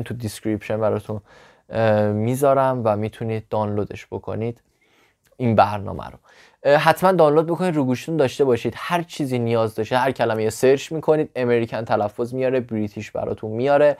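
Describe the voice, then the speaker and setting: A man teaching English tips to camera in Persian, his own language. He talks straight to the viewer in a loose, animated way and drops blunt asides. His voice sits in an ordinary middle pitch for a man. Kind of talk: casual spoken lesson to camera.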